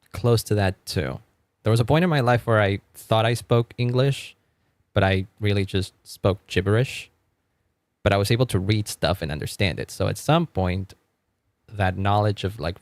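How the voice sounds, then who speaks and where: His voice sits on the low side and sounds a little mellow as the Argentine music streamer talks casually in Spanish on a live stream. Rambling, stammering with repeated words, and laughing often, he comes through in a dry recording.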